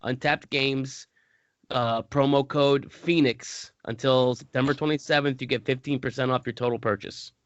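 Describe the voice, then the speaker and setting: A man's voice: medium pitch, steady tone, moderate pace, few pauses, no room sound, lo-fi sound. A man co-hosting a podcast, chatting casually about a tabletop game and rambling with frequent self-corrections. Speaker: podcast co-host.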